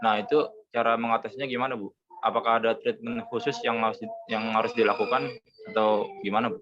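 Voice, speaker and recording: A man's voice: fairly low pitch, level tone, quick pace. A man participating in a training, politely and hesitantly asking a question. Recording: dull lo-fi audio with noise.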